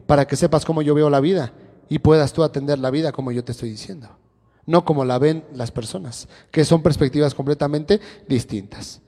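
A man's voice: a little high, warm tone. A man teaching a sermon to a congregation, firing rhetorical questions at them one after another. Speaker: church teacher. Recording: long reverb of a church hall.

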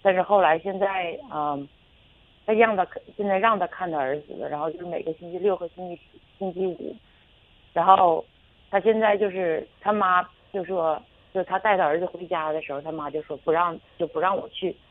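A woman's voice: lowish voice, brisk. A woman calling in to a radio show, telling a personal story in a hesitant, rambling way full of fillers and restarts. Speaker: caller. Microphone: telephone. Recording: tinny phone line.

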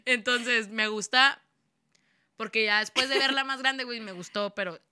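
A young woman with a Mexican accent chats casually as a podcast co-host, animated and full of slang. Her voice is very bright and smooth, sitting a little high. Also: moderate pace. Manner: animated, slangy, laughs often. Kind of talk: casual chat.

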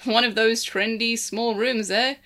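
A woman voicing a deep-voiced man in his thirties or forties who is polite, chatty and nosy. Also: fairly even intonation, a little slow, a bit bright.

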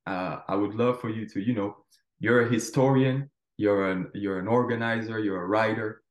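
A man's voice: on the low side, steady tone, normal speed, dull audio. A man hosting a podcast interview in an informal, affirming, conversational way. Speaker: podcast host. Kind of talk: casual interview chat. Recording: echoey, roomy sound.

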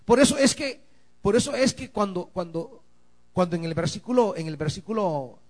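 A male pastor preaching a sermon, swinging from quiet asides to shouted emphasis and calling out to the congregation. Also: high-pitched, lively intonation, normal speed.

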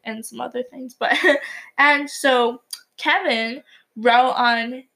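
A woman's voice: on the high side, steady tone, slow pace, bright, forceful tone. Giggly teen girl telling gossip. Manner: giggly, lots of "like" fillers. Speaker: podcast co-host. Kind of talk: casual chat, storytelling.

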